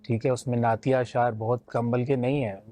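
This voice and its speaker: A man's voice: mid-range voice, flat delivery, normal speed, dark tone. Man judge explaining with easy examples. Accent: Pakistani Urdu. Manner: explains with homely examples, mild humor. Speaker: naat competition judge. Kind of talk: judge's critique.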